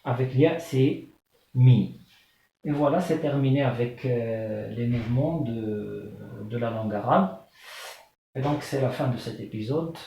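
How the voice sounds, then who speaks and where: A man's voice: medium pitch, unhurried, creaky, mellow. A man teaching an Arabic lesson, patiently sounding out syllables one by one and repeating them. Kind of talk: slow spelled-out language lesson. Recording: echoey room, dull lo-fi sound.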